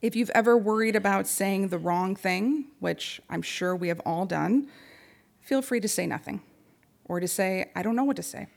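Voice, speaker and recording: Speaking gently and pausing often, a young woman presents a prepared talk about how to support people who are grieving. Her mid-range voice carries vocal fry.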